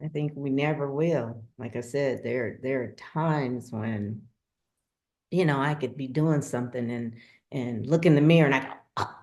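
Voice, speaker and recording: A middle-aged woman co-hosting a heartfelt conversation, soft-spoken and hesitant, with many pauses. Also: very deep voice. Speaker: co-host.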